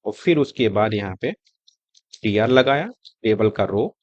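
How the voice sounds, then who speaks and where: A man's voice: on the low side, a little slow, no echo, dull audio. Man explaining code while he types. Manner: conversational, explaining step by step while typing. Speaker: coding tutor. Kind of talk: screen-recorded coding tutorial.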